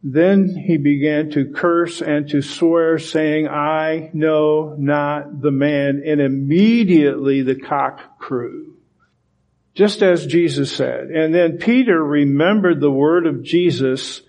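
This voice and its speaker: A man's voice: a little high, takes it slowly, a little mellow. A man preaching a sermon, reading scripture aloud and explaining it with emphasis. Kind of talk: sermon Bible teaching.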